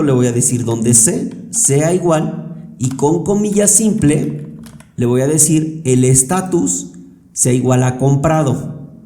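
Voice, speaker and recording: A man with a Mexican Spanish accent walks through a spreadsheet tutorial, patient and step by step, with rhetorical questions. His voice sits a bit high but sounds mellow and soft-edged. The room gives it a noticeable echo. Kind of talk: screen-recorded software tutorial. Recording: roomy echo.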